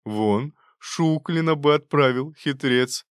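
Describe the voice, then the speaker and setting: A man's voice: fairly high pitch, slow pace, smooth, no echo, studio quality, pitched above the performer's own voice. A man voicing a cheerful, sly older male doctor who needles a rival colleague. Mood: needling. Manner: jaunty, needling.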